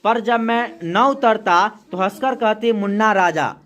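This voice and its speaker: A woman teaching a class, reading a poem slowly line by line, then explaining each line and quizzing the students with quick questions she answers herself. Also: medium pitch. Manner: slows down to recite verse lines.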